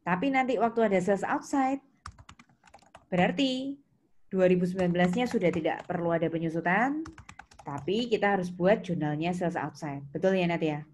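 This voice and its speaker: A woman with a low, darkish voice speaks at a moderate pace as she leads an interactive accounting lecture on worksheet entries. Step by step, she instructs and asks questions to see if students understand. Keyboard typing and clicking are clearly heard in the background.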